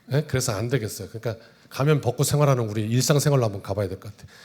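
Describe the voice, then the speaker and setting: A man's voice: mid-range voice, very fast, darkish tone, slightly rough. A male pastor preaching a sermon in a church, talking conversationally and joking with the congregation through role-play. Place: church sanctuary.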